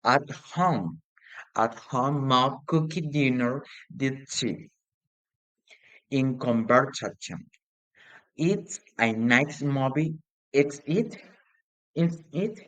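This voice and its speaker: A man talks through an English grammar lesson at a very slow, deliberate pace. His delivery is halting and hesitant, full of restarts and pauses, and his voice sits at an ordinary middle pitch. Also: animated, a bit bright, highs cut off. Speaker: student presenting a grammar lesson. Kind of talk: read-aloud classroom presentation.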